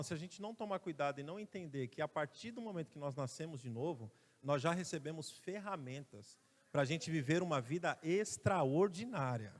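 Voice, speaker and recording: A high-pitched Brazilian man preaches a sermon with strong emphasis, stopping to have the congregation repeat lines back to him. His voice rings out with a long reverb from the church hall around him. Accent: Brazilian Portuguese. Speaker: pastor. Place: church sanctuary.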